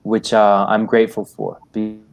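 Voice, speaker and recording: A young man from New York, a guest writer talking in an interview in a measured, thoughtful way. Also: lowish voice, monotone, creaky. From New York, United States. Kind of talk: interview conversation.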